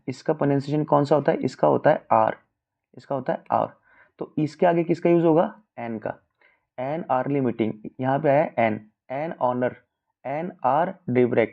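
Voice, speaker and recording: A man's voice: mid-range voice, gravelly. A man teaching an exam-prep grammar lesson. He keeps asking his listeners questions and then answers them himself. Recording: dull lo-fi recording.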